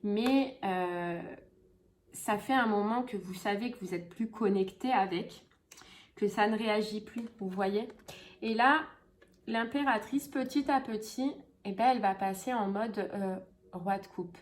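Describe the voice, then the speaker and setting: A woman's voice: mid-range voice, a little slow. A woman giving a casual tarot reading, chatty and full of fillers and repeated phrases. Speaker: tarot reader.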